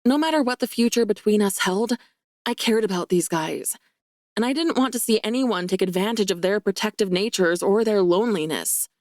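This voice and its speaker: A woman's voice: medium pitch, normal speed, dry recording, studio quality. Wry woman narrating an audiobook. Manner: wry, lively and self-mocking. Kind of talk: first-person romance audiobook narration.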